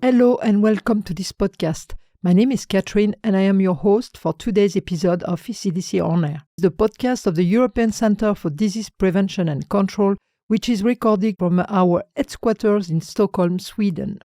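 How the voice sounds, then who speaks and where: A woman hosting a podcast, speaking in a measured, formal way. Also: medium pitch, mellow, no echo, clean studio sound. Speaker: podcast host.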